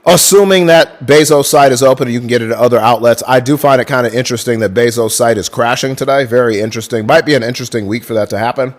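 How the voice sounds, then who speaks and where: A man's voice: medium pitch, quick pace, hardly any pauses. A man hosting a livestream, reading book passages aloud and breaking off to thank chat viewers, swearing freely in a casual way. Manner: profane, chatty, thanks viewers mid-reading. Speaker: livestream host.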